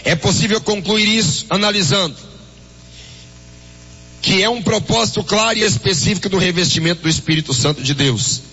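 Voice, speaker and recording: Fervent Brazilian preacher, high bright voice. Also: male voice, normal speed, husky, long reverb tail, muffled recording. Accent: Brazilian Portuguese. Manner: preaching with fervent exclamations, tells a story with quoted dialogue. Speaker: pastor. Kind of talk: sermon.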